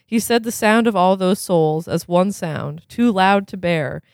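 A man's voice: sits high, unhurried, gravelly, clean tone, no echo. Man reading a novel aloud, dry and close. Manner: expressive reading, breaks off to chat with fillers. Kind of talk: reading aloud with casual chat asides.

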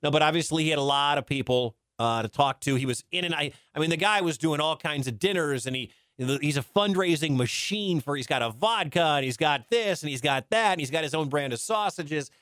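Chatty sports radio host, dry studio sound. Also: male voice, a little high, a little fast, few pauses, fairly bright tone, no echo. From Detroit, grew up in Wisconsin. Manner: chatty, storytelling, laughs often. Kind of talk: casual radio talk.

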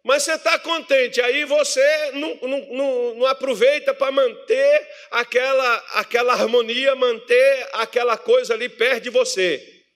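A man with a Brazilian accent preaching a sermon in church as pastor, animated and humorous, acting out the voices of worried believers. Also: very high-pitched, moderate pace. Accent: Brazilian Portuguese.

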